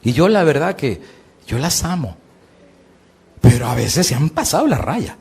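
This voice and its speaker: A middle-aged male pastor with a husky voice, preaching a sermon with big swings in pitch and volume, asking his listeners questions and answering them himself. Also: sing-song, a little fast, a little mellow. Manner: preaching with sweeping rises and drops in pitch and volume.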